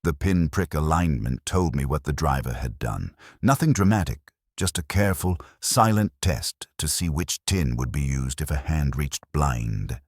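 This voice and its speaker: Narrating a detective tale in the first person, this audiobook reader has an extremely deep, expressive voice and a measured, wry delivery full of intonational movement. There's no echo; the dry recording has almost no room sound.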